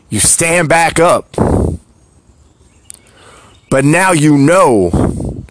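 Slow-talking man giving motivational talk. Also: medium pitch, a little hiss or hum. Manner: slow, reflective, rhetorical "right?" asides. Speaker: podcast host. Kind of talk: motivational monologue.

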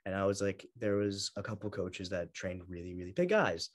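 A young man chatting in an interview, telling stories in a lively way and laughing often. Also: deep voice, brisk. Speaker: guest bodybuilder. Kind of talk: casual interview chat.

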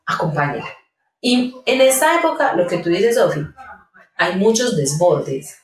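A woman, a pedagogue guest giving calm, step-by-step parenting advice in conversation. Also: on the low side, unhurried. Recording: roomy sound, mic at a distance.

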